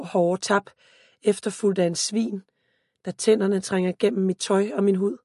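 A woman reading a first-person story aloud as an audiobook narrator, in a calm, steady voice. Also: mid-range voice, no room sound, studio quality.

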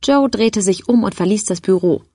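A woman narrating a story in a steady audiobook reading. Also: medium pitch, moderate pace, slightly rough, dry recording, studio quality.

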